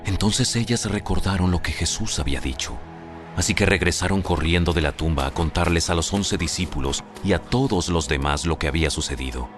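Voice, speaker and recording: A man narrating a dramatized Bible in a booming, solemn, scripted manner. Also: fairly quick. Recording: music under the voice.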